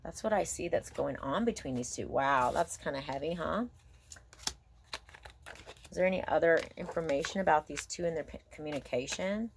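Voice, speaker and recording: A woman giving a casual, intimate tarot reading, thinking aloud in a halting, musing way and often checking in with the listener. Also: low voice, gravelly, slight background noise. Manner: musing, halting, asks herself questions and checks in with "okay?". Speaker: tarot card reader.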